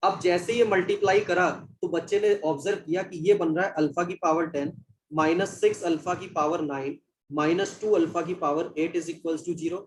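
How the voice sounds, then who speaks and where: A man leads a live online maths class in a slightly high voice. He talks to his students like family, calling them "beta" and "bhai" while he walks through the working. Faint noise sits under the recording. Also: low-quality recording. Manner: addresses students as beta and bhai, reads chat aloud. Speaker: maths teacher.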